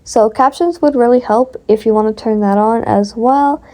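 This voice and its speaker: A woman's voice: a little high, normal speed, mellow. A woman chatting casually with many fillers, then reading her own story aloud.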